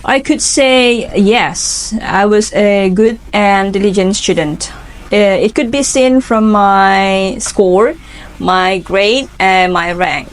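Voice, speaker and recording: This is a mid-range voice belonging to a woman in her twenties who has an Indonesian accent. She answers interview questions for an English speaking assignment, earnestly and carefully, pausing with fillers.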